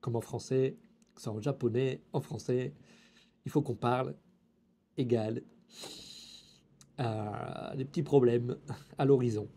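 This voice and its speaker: Man from France, young, casual vlog storyteller with a warm, slightly husky voice; animated, acts out the other people. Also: mid-range voice, a little slow, long pauses. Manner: animated, acts out dialogue, drops in Japanese phrases. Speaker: YouTuber telling a personal story.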